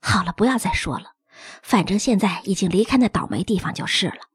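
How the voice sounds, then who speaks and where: A woman voicing an anxious young mother in a storybook reading, speaking in a worried, hushed way with a breathy voice. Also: medium pitch, animated, brisk, dry recording, studio quality, pitched below the performer's own voice.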